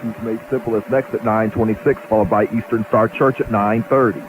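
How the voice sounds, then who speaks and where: A male radio announcer reading a station identification in a smooth, measured delivery, heard through a tinny clock radio. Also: lowish voice, fairly even intonation. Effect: tinny clock radio sound. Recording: tinny radio playback with hiss.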